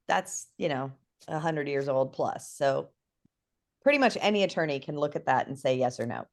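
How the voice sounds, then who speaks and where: Woman guest explaining stuff, lower voice, super chatty, keeps saying right?. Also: normal speed. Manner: lively, chatty, lots of "right?" and fillers. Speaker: guest expert on NFT projects. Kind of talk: casual conversational explaining.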